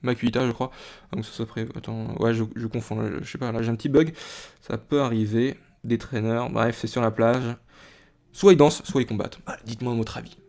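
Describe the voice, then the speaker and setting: In a mid-range voice with fairly even intonation, vocal fry and a slightly mellow quality, a young Frenchman speaks briskly. He's a YouTuber opening trading cards, chatting to viewers in a rambling way full of restarts and fillers.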